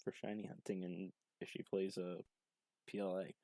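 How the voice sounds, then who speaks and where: A man's voice: deep voice, flat delivery, moderate pace, warm tone, no room sound. A young man chatting casually on a game stream, joking and teasing, laughing often.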